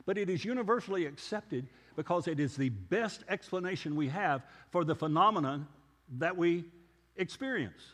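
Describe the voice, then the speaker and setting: A man delivers a sermon-style lecture in a conversational, storytelling way, pausing on rhetorical questions. His voice sits fairly high and moves through a wide, animated pitch range. The sound carries a long reverb, as if recorded in a large hall. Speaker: preacher.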